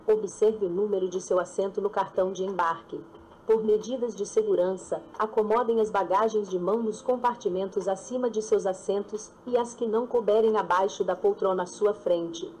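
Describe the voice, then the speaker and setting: Female cabin chief making a scripted in-flight cabin announcement, polite and measured, mid-pitched, with a faint noise bed. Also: fairly even intonation, a little mellow, low-quality recording. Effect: in-flight cabin announcement played in a flight simulator.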